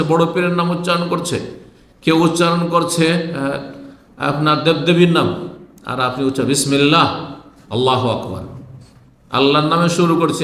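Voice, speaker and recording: Bangladeshi preacher in an echoey hall. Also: male voice, fairly high pitch, a bit bright. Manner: teaching in numbered points, asking the audience questions. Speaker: Islamic preacher. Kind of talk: religious lecture. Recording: roomy echo.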